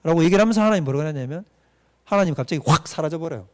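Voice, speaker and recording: A man's voice: on the high side, lively intonation, racing. A man, a pastor, giving a doctrine lecture and retelling a story with questions to the audience.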